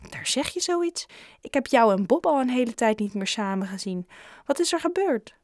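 A woman voicing a kind, gentle grown-up shopkeeper in an audiobook, coaxing and caring. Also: on the high side, normal speed, no room sound, clean studio sound, voice pushed up, natural voice. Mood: concerned. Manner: gentle, coaxing, sometimes lively. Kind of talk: audiobook character reading.

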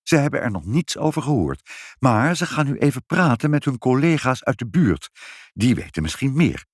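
A fussy, chatty storybook mother, voiced by a man reading aloud. She fusses along with a lively, animated pitch. Dry, close recording. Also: normal speed, dry recording.

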